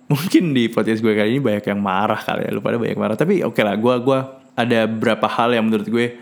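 A man's voice: lowish voice, quick pace, creaky. A man hosting a casual solo podcast who talks bluntly and swears a lot. He drops English words into his speech and often repeats or restarts words. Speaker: podcast host.

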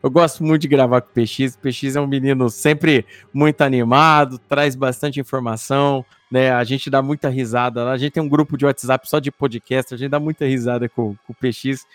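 A man's voice: medium pitch, fairly even intonation, a little fast, few pauses, no room sound. Brazilian man hosting a casual podcast, dry sound. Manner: informal, chummy. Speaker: podcast host.

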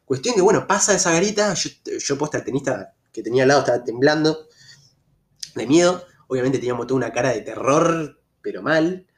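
A young man with an Argentine Rioplatense accent telling a story in a casual, slangy way. His pitch jumps sharply at the tense moments. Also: lively intonation, a little fast. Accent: Argentine Rioplatense Spanish. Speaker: vlogger.

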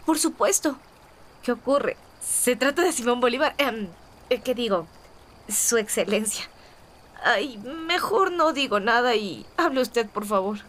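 Polite young miss, hesitant and attentive, higher voice, historical audio drama. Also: female voice, expressive, a little slow, a bit bright, a little hiss or hum. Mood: attentive, flustered.

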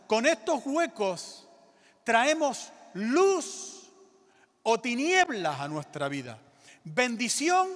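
A man's voice: high voice, a bit bright. A male pastor preaching a sermon in a church, calling out to the congregation and urging them to answer back. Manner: emphatic preaching with call-and-response to the congregation. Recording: reverberant church hall.

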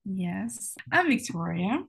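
A woman's voice: medium pitch, very animated, slow pace, vocal fry, slightly rough. A young woman from Spain, a university student, chatting casually as a podcast guest, with many "like" and "you know" fillers. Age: young adult.

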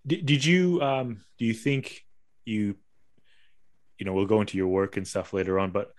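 A podcast host conducts a casual interview, asking his questions in a rambling, hesitant way with many fillers and restarts. His voice is on the low side, with fairly even intonation and a moderate pace.

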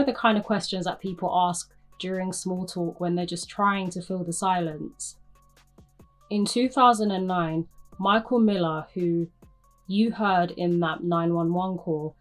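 A woman hosting a true crime podcast, narrating bluntly with sarcastic, profane asides. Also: fairly low pitch. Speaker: podcast host.

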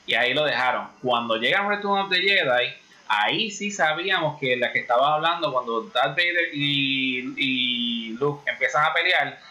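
A man's voice: medium pitch, expressive, normal speed, sharp tone. A man in casual debate, insistently arguing his point at length.

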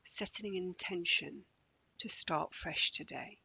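A man leading a guided morning meditation in a slow, gentle, calming way, often dropping close to a whisper. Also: sits high, vocal fry, breathy edge, rough recording.

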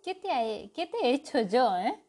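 A shrill storybook dragon stuck as a crow, whining and protesting, as a woman puts him on. His voice jumps high and loud when he is upset. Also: very animated, moderate pace. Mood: indignant. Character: boastful male dragon turned crow, whiny.

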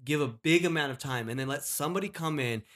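A man's voice: fairly high pitch, fast, fairly bright tone. A man in casual podcast chat, rambling and circling back, often trailing off mid-thought.

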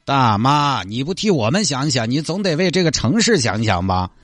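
A man's voice: mid-range voice, big pitch swings, normal speed, a bit bright, no room sound, studio quality, soft background music, pitched below the performer's own voice. A man voicing an earnest young male city enforcement officer, patient and reasoning. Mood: pleading.

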